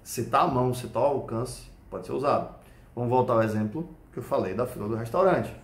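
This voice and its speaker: A Brazilian man, a Krav Maga instructor, explaining a point through an animated personal story and often checking whether the listener follows. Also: medium pitch, a little fast. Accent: Brazilian Portuguese. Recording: echoey room.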